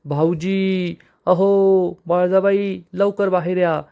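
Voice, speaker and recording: A man voicing a dramatic older aunt-in-law who loudly accuses and scolds her young relative. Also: fairly high pitch, moderate pace, muffled recording, lightly acted. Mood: scolding. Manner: loud, accusing, theatrical.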